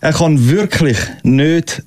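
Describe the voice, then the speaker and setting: A man's voice: a little high, expressive, slow, darkish tone. A man from Switzerland with a Swiss German accent, telling stories in a casual chat.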